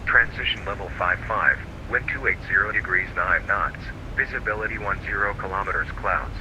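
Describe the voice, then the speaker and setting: A low-pitched man's voice comes through as an airport weather broadcast on the radio. He reads out each figure in a measured, even way. The playback is noisy and heavy with radio hiss. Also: dull audio. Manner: measured, even readout of numbers. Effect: airport weather broadcast over the radio. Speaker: automated airport information announcer. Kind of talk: recorded information broadcast read out.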